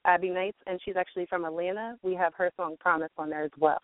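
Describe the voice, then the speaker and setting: A woman's voice: lowish voice, fairly even intonation, quick pace, no room sound. A woman from a music platform's marketing team, talking over the phone in a radio interview, chatty and full of ums and fillers. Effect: heard over a phone line. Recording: tinny dry phone line.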